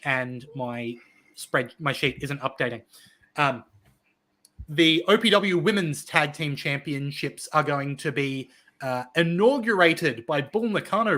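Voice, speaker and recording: An Australian podcast host, a man with a slightly higher voice, reads through a long list of matches and ticket details in casual chat. He stresses each big name with excitement. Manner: rattles off event listings with excited emphasis.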